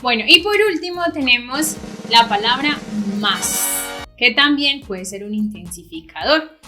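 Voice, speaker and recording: A woman co-hosting a Spanish lesson, explaining clearly and often checking in with "¿sí?". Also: on the high side, animated, a little slow, music in the background. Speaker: Spanish teacher.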